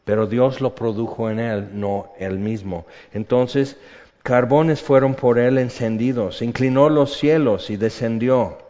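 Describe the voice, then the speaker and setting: An older man preaching a sermon, animated and conversational, dropping to a hush for emphasis. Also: mid-range voice, measured pace. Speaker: pastor. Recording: echoey hall, dull lo-fi sound.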